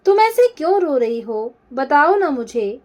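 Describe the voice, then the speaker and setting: A woman's voice: high-pitched, very animated, a little slow, a little mellow. Woman voicing an anxious middle-aged mother. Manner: anxious, insistent questioning.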